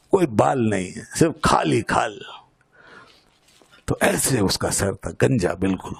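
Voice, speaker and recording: A man teaching classical Persian poetry in a lecture, with a gravelly, husky voice that swings widely in pitch. He recites a verse, then unpacks it phrase by phrase, repeating himself and asking questions. The recording is dry and close. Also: a little mellow, no room sound. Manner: repeats and rephrases each point, asking the listeners rhetorical questions. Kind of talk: explanatory lecture.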